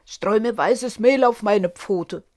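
A woman voicing a cunning, rough-voiced male wolf in a fairy tale. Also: takes it slowly, a little mellow. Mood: threatening. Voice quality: rough, low growl. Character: big bad male wolf, gruff and cunning.

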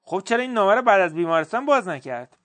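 A man's voice: sits high, big pitch swings, a bit bright, voice pushed up. A man voicing a curious, upset young boy who asks questions insistently.

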